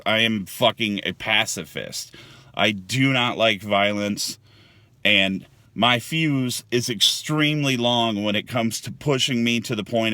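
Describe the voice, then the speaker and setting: A man's voice: fairly low pitch, sharp tone, dry recording. A man ranting angrily to his phone camera in a casual vlog, swearing a lot and rambling. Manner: angry, profane and rambling. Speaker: vlogger. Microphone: handheld phone.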